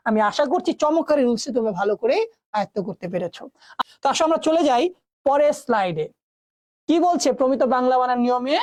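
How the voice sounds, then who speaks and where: Brisk female teacher with a raised voice, quizzing the class and stressing each rule. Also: fairly high pitch, a little mellow. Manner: asks students questions and answers them herself; emphatic, repeats key words. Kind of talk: online grammar lesson.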